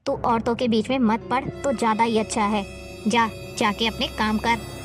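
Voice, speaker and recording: A woman's voice: fairly high pitch, fairly even intonation, normal speed, over music, natural voice. A woman playing an older mother-in-law who nags and taunts in a family drama. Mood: scolding. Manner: scolding, taunting. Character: nagging older mother-in-law, harsh and scornful.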